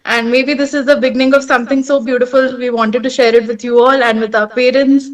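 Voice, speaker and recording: High-voiced Indian woman on a distant link. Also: level tone, fast talker. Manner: earnest, heartfelt. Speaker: startup co-founder. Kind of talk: remote presentation.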